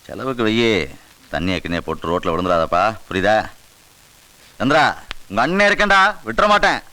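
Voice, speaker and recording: An actor playing a commanding, protective local party boss in a Tamil film drama. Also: male voice, sits low, lively intonation, brisk, fairly bright tone, clean tone, rough recording. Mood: reassuring. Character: commanding middle-aged male political patron.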